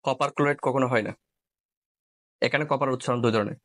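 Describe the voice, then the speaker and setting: Quick bangladeshi guy teaching a live online class, keeps asking if it's clear. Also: medium pitch, fairly even intonation. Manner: quick, repeats points, asks "clear?"; mixes in English words.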